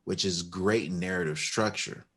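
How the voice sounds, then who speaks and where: A man's voice: low-pitched, a little slow, fairly bright tone, husky. A man co-hosting a podcast, chatting casually, joking and acting out quotes in funny voices. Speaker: podcast co-host. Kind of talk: casual chat.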